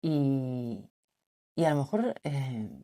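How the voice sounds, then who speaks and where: A relationship vlogger with a slightly husky, mature voice talks reflectively and personally to the camera at an extremely slow pace. She keeps her voice deliberately soft and lowered and asks the listener rhetorical questions.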